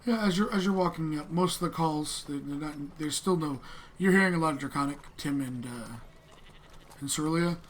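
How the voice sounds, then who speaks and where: A man with a fairly high voice runs a tabletop game as its master. He narrates conversationally, hedging and pausing as he improvises. The recording has clear noise in the background. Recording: clearly noisy room.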